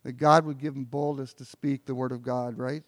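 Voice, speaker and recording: A man's voice: medium pitch, level tone, moderate pace, dry recording, clean studio sound. A pastor preaching an earnest sermon, often repeating words as he builds toward a point.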